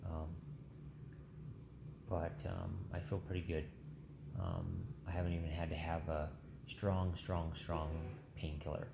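A man in his thirties, a patient vlogger, lies in bed in a small hospital room and talks to camera about his recovery after surgery. His voice sits low, gravelly and level, weak and tired, and his casual update comes out halting because of a sore throat. It's a noisy, roomy recording from a phone held at arm's length.

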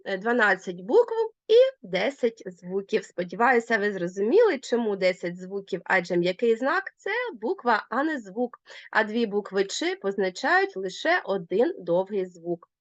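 A woman teacher giving a recorded online lesson, explaining clearly and deliberately, step by step. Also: mid-range voice, no room sound, dull audio.

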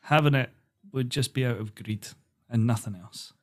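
A young man, a podcast guest chatting casually and telling stories in a calm, unhurried way. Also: medium pitch. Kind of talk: casual chat.

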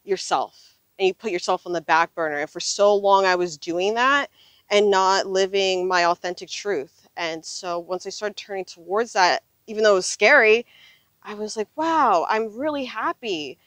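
A woman's voice: mid-range voice, moderate pace, fairly bright tone, smooth, no room sound. Earnest woman, dry close sound. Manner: earnest, reflective, conversational. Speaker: interview guest, full-time RV traveler. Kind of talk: casual interview. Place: outdoors on open desert gravel lot. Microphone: clip-on lapel mic.

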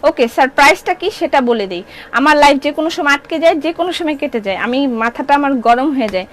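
High-voiced, fast-chatting Bangladeshi woman seller. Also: lively intonation. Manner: fast, chatty, playful, reads comments aloud. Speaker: shop owner selling clothes on a live stream. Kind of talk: live sales stream, chatting with viewers.

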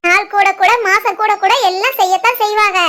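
A kindly middle-aged aunt in a cartoon family story, voiced by a woman, soothing and gently teasing. She speaks in a Tirunelveli Tamil accent, in a very high, squeaky cartoon voice. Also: fairly even intonation, a little fast. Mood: amused.

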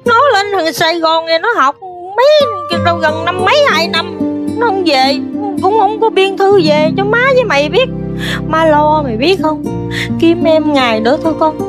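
A woman's voice: very high-pitched, moderate pace. A woman playing a worried elderly country mother with a Southern Vietnamese accent, in cải lương stage acting with fretful, pleading speech. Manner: fretful, pleading, bursts into wailing cries. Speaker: contestant performer. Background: music.

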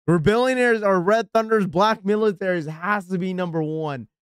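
A man's voice: high-pitched, normal speed, smooth, dry recording, studio quality. A man live-streaming, reacting in an exasperated, ranting way and thanking subscribers as he talks to his viewers.

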